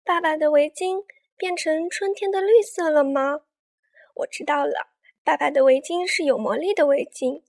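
A woman narrating a picture book for children as the show's storyteller, speaking gently and coaxing young listeners. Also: high voice, normal speed. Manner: warm, coaxing tone addressing children.

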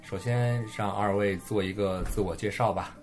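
A man's voice: on the low side, steady tone, moderate pace, soft background music. A man hosting a casual Chinese podcast chat with guests. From China. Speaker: podcast host.

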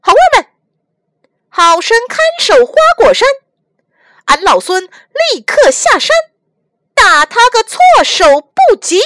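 A woman voicing a boastful male monkey king, loud and commanding. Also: high voice, wildly swooping pitch, unhurried, pauses often, no echo, studio quality, voice pushed up, exaggerated voice.

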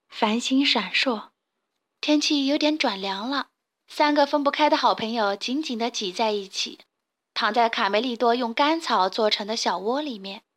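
A woman narrating a children's storybook in a gentle, clear reading voice. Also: fairly high pitch.

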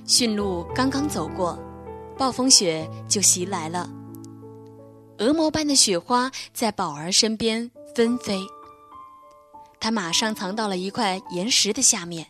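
A young woman telling a children's bedtime story in a gentle, expressive reading voice. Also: medium pitch.

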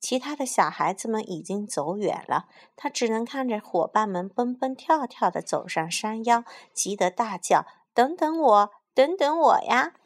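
A woman reading a picture book aloud to children, with lively asides to her young listeners. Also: medium pitch, moderate pace, hardly any pauses. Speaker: storyteller.

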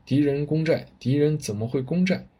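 A man voicing a one-eyed bandit chief who rants and shouts hysterically, with a husky voice. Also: a little high, moderate pace, voice pushed up. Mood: raging. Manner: ranting, hysterical shouts fading to weak gasps.

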